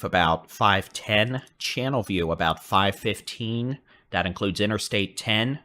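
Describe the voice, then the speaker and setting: A man's voice: on the low side, sharp tone. A man giving live severe weather coverage, steadily listing towns and arrival times. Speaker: weather forecaster.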